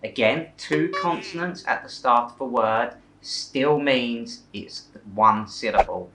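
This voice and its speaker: A man's voice: medium pitch, extremely slow. A man with a British accent teaching English pronunciation, correcting mistakes emphatically and drawing out his words. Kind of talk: slow, deliberate teaching. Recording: echoey room with background music.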